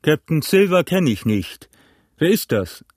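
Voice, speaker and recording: A man's voice: mid-range voice, expressive, unhurried, no room sound, studio quality. A man voicing a stern, wary ship's captain who gives curt orders in an audiobook. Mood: cold. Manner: curt, commanding. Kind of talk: audiobook character voice.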